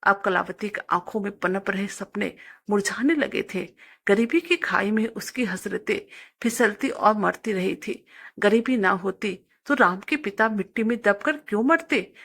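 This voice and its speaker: A woman's voice: mid-range voice, unhurried, a bit bright. A woman storyteller steadily reading out a family story.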